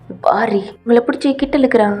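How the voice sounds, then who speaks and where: Brief: a woman playing a steady young man, voice dropped low, chiding, warm dark tone, faint music bed. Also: fast talker, close to an everyday voice. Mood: weary. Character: young man, [name] member, calm, scolding friend.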